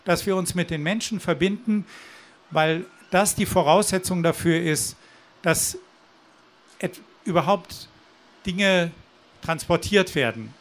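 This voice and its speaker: A man's voice: high-pitched, slow pace, long pauses. A man from southwestern Germany giving an earnest, persuasive speech at a demonstration, with the odd restart. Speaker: rally speaker. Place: outdoor rally.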